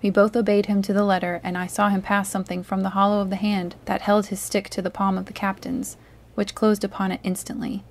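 Female storyteller, calm and soothing read-aloud of a classic novel. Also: medium pitch, brisk.

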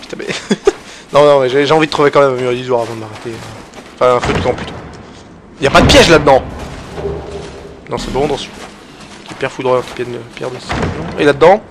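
A man giving excitable gameplay commentary, swearing often and talking to his viewers, with loud game sound behind him. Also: medium pitch, brisk, long pauses. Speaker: gaming channel host. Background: game audio and noise.

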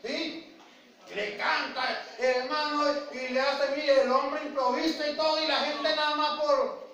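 High-pitched Venezuelan pastor in an echoey church. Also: male voice, measured pace, distant mic, highs cut off. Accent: Venezuelan Spanish. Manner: animated, full of boxing and street-vendor sound effects. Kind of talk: lively sermon. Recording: echoey church hall, voice from afar, congregation audible.

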